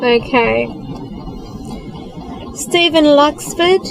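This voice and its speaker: Slow, high-voiced woman talking to ghosts. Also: vocal fry, background noise. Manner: talking to a ghost, gently coaxing and polite. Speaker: host of a spirit box session, medium. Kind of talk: talking to spirits, calling out questions with pauses.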